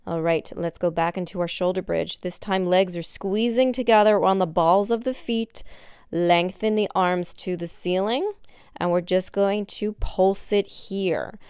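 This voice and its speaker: A young woman leads a workout in the manner of an aerobics instructor. Her voice is slightly low and very clean, with little room echo. She gives encouraging cues while doing the exercises herself. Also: fairly even intonation, measured pace, darkish tone, smooth, clean studio sound. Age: young adult. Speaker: fitness instructor. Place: indoor wood-floored exercise studio.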